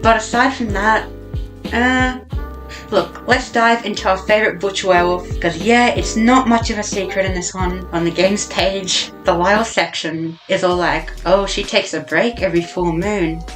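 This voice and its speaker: A woman's voice: mid-range voice, fairly even intonation, normal speed, music in the background. A woman giving a casual voice-over commentary about a video game, rambling along with a sarcastic, jokey manner.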